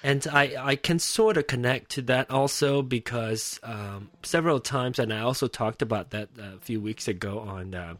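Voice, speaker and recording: A man's voice: medium pitch, normal speed, few pauses, a bit bright, no room sound. A male host from Malaysia speaks in an easygoing talk-show manner. He laughs easily and often circles back mid-sentence. The sound is dry and close. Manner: chatty, laughs easily, many restarts. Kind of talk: casual radio talk.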